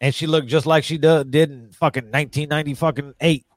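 A man co-hosting a loose podcast chat, jumping in with emphatic, profane remarks. His voice sits a little high. The sound is close and dry, with no room echo. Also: steady tone, fast. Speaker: podcast co-host. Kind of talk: casual chat.

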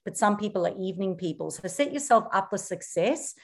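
A middle-aged social media coach from South Africa, whose accent blends South African with Australian, appears as a podcast guest. Her medium-pitched voice is expressive and fairly quick as she answers interview questions earnestly and explanatorily, with frequent ums.

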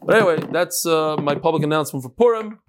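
Man, slightly high voice, informal religious teacher, conversational, mixes with Hebrew-Aramaic terms. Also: quick pace. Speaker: religious teacher leading a Talmud class. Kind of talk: informal Talmud lesson, reading and explaining.

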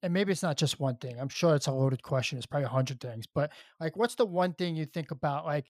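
Higher-pitched man asking casual interview questions. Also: fast talker, dry recording, clean studio sound. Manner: conversational, rephrases his questions. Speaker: podcast co-host.

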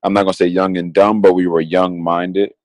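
Deep-voiced young man, earnest and reflective. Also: flat delivery, fairly quick, a little mellow, no room sound. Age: 20s. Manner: reflective, earnest, restarts and repeats phrases. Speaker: podcast co-host. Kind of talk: casual podcast chat.

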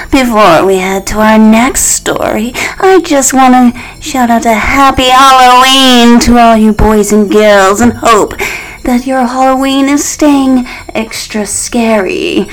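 A woman's voice: a little high, fairly bright tone, poor audio. A woman voicing a playful little monster who hosts a spooky story show, with a bouncy, sing-song delivery. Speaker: host.

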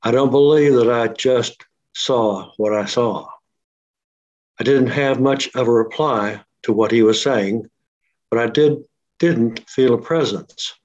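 Guy reading his own book out loud, steady and even, sounds like it's coming off a laptop speaker, kinda dull and muffled. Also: mid-range voice, slow pace. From Oklahoma City. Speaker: guest author. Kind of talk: reading his memoir aloud. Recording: dull lo-fi remote audio.

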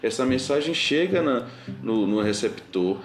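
A man's voice: medium pitch, lively intonation, measured pace, reverberant. A man teaching an online lecture in a patient, reassuring manner and answering students' questions.

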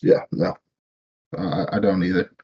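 A man co-hosting a casual podcast, calm and measured, agreeing and weighing in. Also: low-pitched, slightly rough. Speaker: podcast co-host. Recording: dull lo-fi mic.

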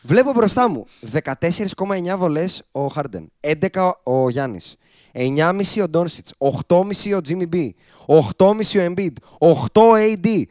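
Animated man talking sports. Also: sits high, dry recording, clean studio sound. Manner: animated, loud outbursts. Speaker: podcast co-host. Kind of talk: casual sports chat.

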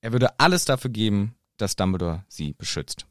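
A man's voice: fairly low pitch, animated, normal speed, dry recording, studio quality. A man co-hosting a podcast, casually retelling a book chapter and playfully putting on voices for quotes. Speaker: podcast co-host.

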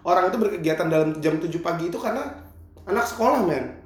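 A man's voice: sits high, expressive, quick pace. A young man with a Jakarta Indonesian accent, hosting a casual, slangy group chat. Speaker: podcast host. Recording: echoey untreated room.

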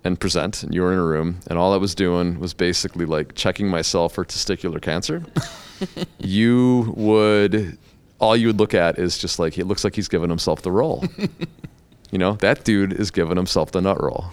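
A man's voice: low-pitched, normal speed, clear, resonant tone. A middle-aged man talking casually as a podcast guest, blunt and joking, swearing now and then. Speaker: guest, hair educator.

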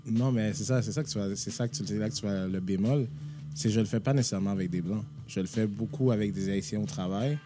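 A man's voice: on the low side, fast, over music. A man from Quebec on a casual podcast, talking hesitantly with restarts and stammers.

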